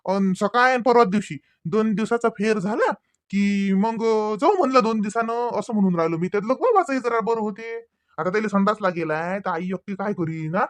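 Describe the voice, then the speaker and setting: A man's voice: high voice, animated, normal speed. A man voicing an easygoing, penny-pinching village farmer husband in a cartoon, with a mild, placating drawl.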